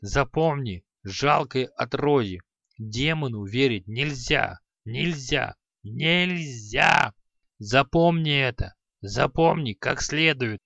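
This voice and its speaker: A man's voice: mid-range voice, animated, slow pace, gravelly, bright, forceful tone, dry recording, heavily acted. A man doing a snarling cruel old sorcerer. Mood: furious. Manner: snarling, insulting. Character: cruel old male sorcerer teacher, harsh. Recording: slightly dull audio.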